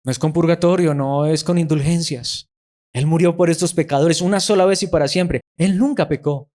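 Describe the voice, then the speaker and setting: A man's voice: on the high side, moderate pace, darkish tone. A man preaching a sermon emphatically, asking his listeners rhetorical questions and repeating words for stress.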